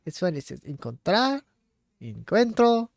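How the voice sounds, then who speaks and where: His voice sits high, swings widely in pitch, and has a creaky edge, delivered at a moderate pace with no echo. In a dry-sounding vlog he muses aloud over his Spanish practice, uncertain, teasing himself and laughing at mistakes.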